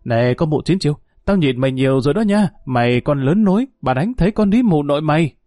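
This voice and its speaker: A man's voice: a little high, expressive, fast, warm tone, no room sound, clean studio sound, natural voice. A man voicing an older mother who scolds and grumbles bitterly.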